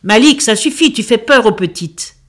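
Woman reading as a firm calm mother. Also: a little high, moderate pace, pitched above the performer's own voice. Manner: firm, calming.

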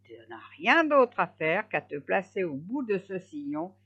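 A woman voicing a boastful, bossy male hedgehog in a storybook tale, talking in a brisk, commanding way. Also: lowish voice, sing-song, a bit bright, breathy edge, heavily acted. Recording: slightly dull lo-fi recording.

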